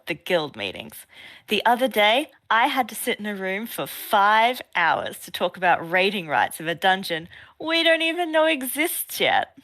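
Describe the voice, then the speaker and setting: A woman's voice: on the high side, fairly bright tone. A woman voicing a sultry, teasing female adventurer with a subtle twang, in a story reading.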